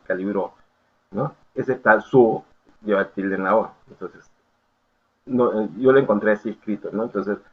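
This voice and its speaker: A man's voice: on the low side, creaky, slightly rough. A man giving an academic lecture, explaining step by step and often checking in with his students. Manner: explanatory, full of checking questions and fillers. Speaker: university lecturer. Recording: tinny phone-like audio.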